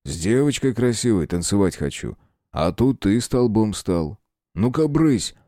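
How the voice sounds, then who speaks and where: A man plays a menacing young thug in an audiobook, drawling his taunts slowly and smugly. The voice sits low and dark, and the sound is close and dry. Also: animated, no echo. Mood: mocking. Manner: slow, mocking and smug. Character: menacing broad-browed young male thug. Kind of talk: audiobook character voice.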